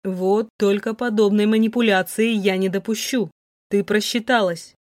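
A scornful rich young man, as a woman narrator puts him on, speaking in a slow, icy, mocking drawl. The voice sits a little lower than her usual reading voice. The recording is close and dry with no room sound. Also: fairly even intonation, darkish tone, dry recording, close to an everyday voice. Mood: contemptuous. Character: cold contemptuous wealthy young man.

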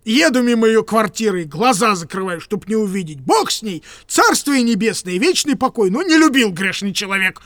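A woman's voice: mid-range voice, lively intonation, moderate pace, hardly any pauses, a bit bright, dry recording, studio quality, close to an everyday voice. A woman voicing a fussy, grumbling old male clerk who rambles and stammers in an audiobook reading.

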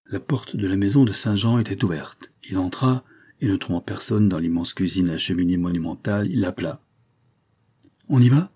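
Husky low-voiced male narrator. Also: a little fast, dark tone. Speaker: audiobook reader. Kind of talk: scripted narration of a classic novel.

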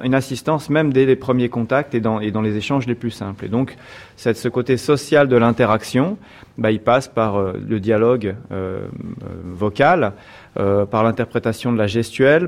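A man explains robots in an interview with an ordinary mid-pitched voice. He hesitates often and leans on fillers. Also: a little mellow. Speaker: robotics engineer.

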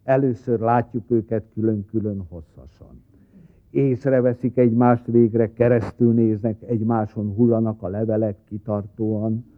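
A man giving a wry, deadpan satirical monologue as a comedy writer. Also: lowish voice. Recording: tinny lo-fi cassette.

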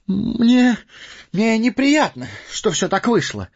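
A small, frightened male hobbit pleads in a high, wavering voice. His speech stumbles and his pitch jumps around. The recording is dull, with faint music underneath. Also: sing-song, normal speed, breathy edge, no echo, exaggerated voice. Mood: flustered. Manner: stammering, pleading.

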